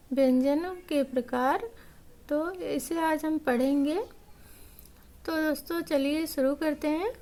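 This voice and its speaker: Slow, high-voiced woman teaching grammar. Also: darkish tone. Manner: patient, repeats points step by step. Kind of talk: Hindi grammar lesson.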